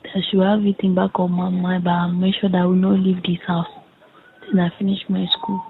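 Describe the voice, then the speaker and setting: On a muffled, lo-fi phone recording, a young woman with a Nigerian accent and a lowish voice casually recounts a conversation in a private call. Her fairly flat delivery has a gravelly creak, and she speaks haltingly, circling back and repeating herself as she relays what was said.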